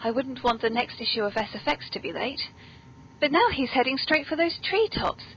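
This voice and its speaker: On muffled, noisy, low-quality podcast audio, a British host delivers her whimsical scripted comedy show with genteel, very polite playfulness. Her intonation is lively, her tone a bit bright, and her speed normal.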